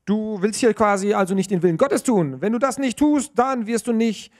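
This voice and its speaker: A man's voice: high-pitched, animated, normal speed, a little mellow, voice pushed up. Stern angel, threatening and scolding, put on briefly by a male preacher mid-sermon.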